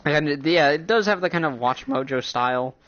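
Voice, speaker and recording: A man's voice: a little high, a little fast, fairly bright tone, dry recording. A young man streaming a game, rambling casually with plenty of swearing and self-interruptions. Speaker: gaming streamer. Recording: dull lo-fi mic with faint hiss.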